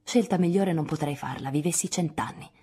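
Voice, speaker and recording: Woman voicing a young woman, audiobook, defiant, proud, firm, husky tone. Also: deep voice, a little fast, warm tone. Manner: indignant, firm, spirited. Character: proud, resolute young woman defending her beloved. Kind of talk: audiobook dialogue reading.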